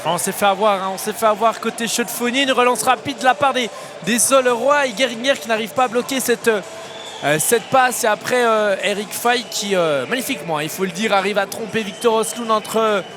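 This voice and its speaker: A man giving live ice hockey commentary, excitable and shouting out goals. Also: high-pitched, moderate pace. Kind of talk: live sports commentary with excited goal calls. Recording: crowd noise and music behind commentary. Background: arena crowd and music.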